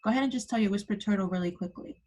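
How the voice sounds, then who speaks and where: Speaking very fast in a warm, mid-range voice, a woman kindergarten teacher runs an interactive online lesson for young children over a video call. She encourages them with simple prompts and endearments, picked up by her computer microphone.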